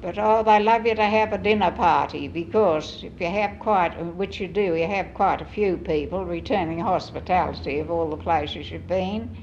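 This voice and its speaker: A woman's voice: lowish voice, moderate pace, hardly any pauses, a little mellow. A woman chatting exclaimingly about old household memories in an interview. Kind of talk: reminiscing interview. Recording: muffled tape with faint hiss.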